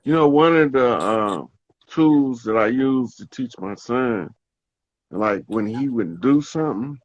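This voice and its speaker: A man in casual conversation, relaxed and storytelling, who acts out the voices of the people he talks about. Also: mid-range voice, a little slow, no room sound, lo-fi sound.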